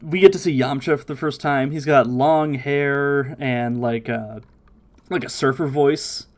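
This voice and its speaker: A man hosting a casual podcast, recapping episodes in an animated way and slipping into impressions of the characters. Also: medium pitch, a little slow. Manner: animated, mimics characters' voices while recapping. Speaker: podcast host.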